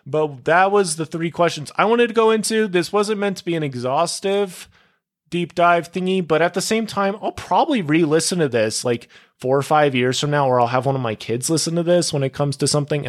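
A man's voice: a little high, fairly quick. A young man hosting his podcast alone, talking casually and going off on tangents, with lots of "like" and "dude.". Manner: rambling, goes off on tangents, full of "like" and "dude". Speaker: podcast host. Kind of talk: casual solo podcast monologue.

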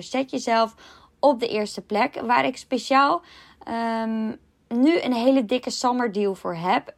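A woman, a life coach explaining ideas calmly in a solo podcast, with self-mocking asides. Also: a little high, vocal fry.

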